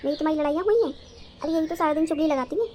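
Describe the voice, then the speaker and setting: A combative young wife with a sharp tongue and a high voice, who scolds and mocks at every turn, as a woman voices her. She is the resentful daughter-in-law of a cartoon family story. Her delivery is sarcastic and quarrelsome. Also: brisk, a little hiss or hum, lightly acted. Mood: angry.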